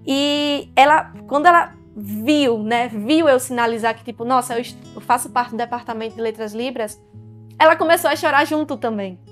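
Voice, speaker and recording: A young Brazilian woman speaks in a fairly high voice, telling a personal story full of acted-out dialogue. She is a student recounting her life in an interview. Soft guitar music plays faintly behind her. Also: normal speed. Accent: Brazilian Portuguese. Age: young adult. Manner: emotional, storytelling with quoted dialogue. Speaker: university student.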